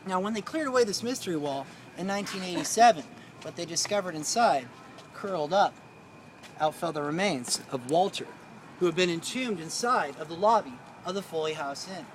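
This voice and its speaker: A man's voice: high-pitched, lively intonation, fairly quick, poor audio. A man working as a ghost tour guide, telling stories theatrically to a live group in a colloquial, wry way. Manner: colloquial, wry, acts out dialogue. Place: outdoors on a city street. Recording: outdoor street noise with traffic.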